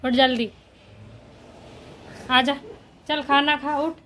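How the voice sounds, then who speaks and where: A woman's voice: high-pitched, fairly even intonation, slow pace, pushed and bright, slight background noise, poor audio. A woman in her thirties filming a family vlog, coaxing and soothing her crying children in casual talk. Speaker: vlogger and mother.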